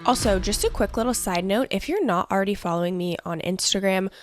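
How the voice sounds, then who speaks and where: Soft music plays behind this chatty, upbeat solo podcast, recorded with no echo. The host, a young woman, talks briskly at medium pitch through an allergy-stuffed nose, bubbly and peppering her speech with "like" and "honestly".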